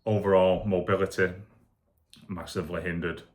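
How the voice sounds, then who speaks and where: A man with a deep voice talks through his day in a casual video diary. He sounds weak and foggy after surgery, with little rise and fall in his delivery. His account rambles along, candid and plain. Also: steady tone, normal speed, a little mellow. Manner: rambling, candid, matter-of-fact. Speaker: vlogger recovering from shoulder surgery.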